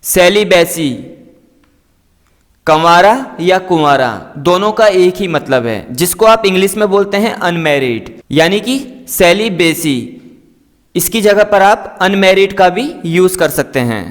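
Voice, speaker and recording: Slow, high-voiced man drilling vocabulary. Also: lively intonation, long reverb tail. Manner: repeats each word and its meaning twice, patient and explanatory. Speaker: English teacher.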